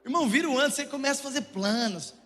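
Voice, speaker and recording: A young man with a Brazilian Portuguese accent, preaching a humorous sermon and telling jokey, animated stories to a congregation in a church. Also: very high voice, rapid-fire, faint music behind. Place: church auditorium. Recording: long church hall reverb, faint noise.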